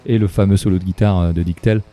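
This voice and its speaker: A deep, very dark-toned man talks casually about film music, halting often with fillers and restarts. He sounds tired late at night. Faint music plays behind him. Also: fairly even intonation. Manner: hesitant, many fillers and restarts.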